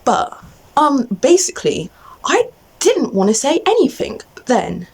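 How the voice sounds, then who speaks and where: A woman's voice: high-pitched, sing-song, measured pace, vocal fry, husky. A young adult woman in an agitated, exasperated rant to camera, venting off the cuff in a casual way and often cutting herself off. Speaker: vlogger.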